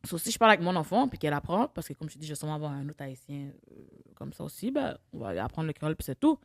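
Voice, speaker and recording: A woman with a Québécois French accent co-hosting a casual podcast chat, emphatic and animated as she tells stories. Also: low-pitched, very fast, no room sound, studio quality. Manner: emphatic, animated storytelling with bursts of loud laughter. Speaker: podcast co-host.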